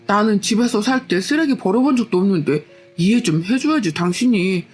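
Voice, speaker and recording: A woman's voice: medium pitch, expressive, fairly quick, darkish tone, husky. A woman reading a whiny, lazy young husband. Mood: irritated. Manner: whiny and irritable, brushing off complaints. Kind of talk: storytelling with acted dialogue.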